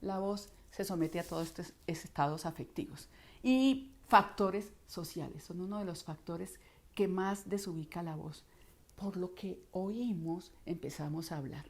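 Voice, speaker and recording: Woman, Colombian accent, lowish pitch, voice coach lesson, expressive storyteller. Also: unhurried. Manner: expressive, acts out voices in anecdotes. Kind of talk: instructional talk.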